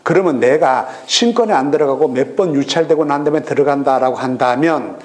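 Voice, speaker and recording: A middle-aged man giving a recorded lecture on real estate auctions, lively and full of rhetorical questions. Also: mid-range voice, a little fast. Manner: lively, rhetorical questions, acts out regional voices.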